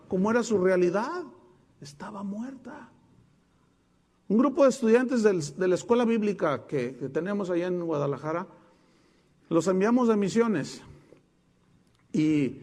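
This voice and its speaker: A pastor preaches to a congregation in a high, ringing voice. He acts out the people in his stories with bursts of drama. The sound carries a long echo from a large hall. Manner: animated preaching with dramatic retelling of quotes. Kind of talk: sermon.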